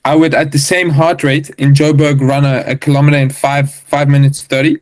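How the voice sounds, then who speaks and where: South African racer, matter-of-fact. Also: male voice, fairly high pitch, flat delivery, fairly quick, darkish tone. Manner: matter-of-fact, explains step by step. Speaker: motocross racer guest. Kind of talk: casual podcast interview.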